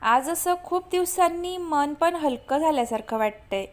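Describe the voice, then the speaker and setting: A woman voicing a shy, eager young bride who speaks gently and politely. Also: high-pitched, animated, normal speed. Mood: gentle.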